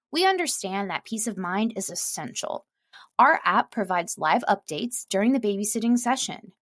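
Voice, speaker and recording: A professional narrator and voice-over artist reads a script in a fairly high voice, measured and crisply articulated. The sound is completely dry, with no echo or room tone at all.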